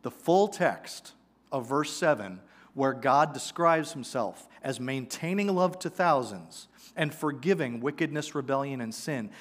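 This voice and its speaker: A man in his forties, a pastor giving a conversational, animated sermon on a church stage with a headset mic. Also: medium pitch, a little slow. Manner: conversational, animated preaching with gestures. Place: church sanctuary stage, indoors.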